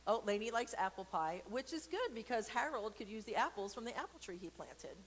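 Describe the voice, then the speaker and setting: An adult woman reads a picture book aloud to children during an online church service, her voice a little high, very animated and fairly quick. She's chatty and playful, drifting into rambling, comically exaggerated asides and asking the viewers questions directly. The recording has a long, reverberant hall echo and background noise.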